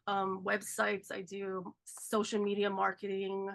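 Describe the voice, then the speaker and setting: Creaky and a bit bright, her mid-range voice stays completely flat at a measured pace. She is a podcast host in her forties, nasal from a cold, making casual chatter heavy with "um" and "like."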